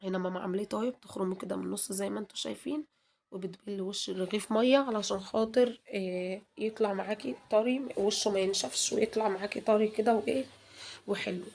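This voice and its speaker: A woman with an Egyptian accent, hoarse from a cold, chatting to viewers in a home kitchen cooking vlog and adding long prayers. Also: mid-range voice, steady tone, fast talker, darkish tone, a little hiss or hum. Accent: Egyptian Arabic.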